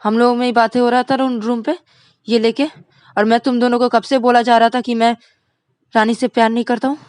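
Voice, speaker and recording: Woman doing a hot-headed young guy, yelling, high and loud, dry sound. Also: little pitch movement, fairly quick, no echo, lightly acted. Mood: angry shouting. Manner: shouting, indignant, high-pitched. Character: angry young man, hot-tempered lover.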